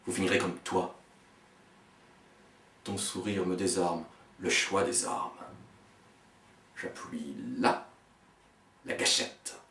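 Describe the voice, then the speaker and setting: A man performing experimental spoken-word poetry in a fragmented delivery, stammering and repeating words, swinging between hushed murmurs and sharp outbursts. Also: low-pitched, steady tone, slow, long pauses. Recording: echoey room, voice far from the mic.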